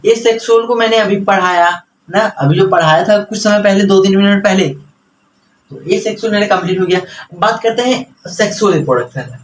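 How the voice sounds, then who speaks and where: A man's voice: high-pitched, moderate pace, slight background noise, rough recording. A young man teaching a class in a chatty, lecturing way, mixing English words into his explanations.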